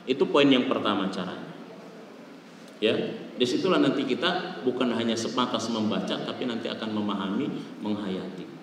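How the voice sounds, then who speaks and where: A man preaching at a mosque talk, lively and animated, acting out quick questions and answers as he teaches. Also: mid-range voice. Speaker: Islamic preacher. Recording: echoey hall, distant mic, faint room noise.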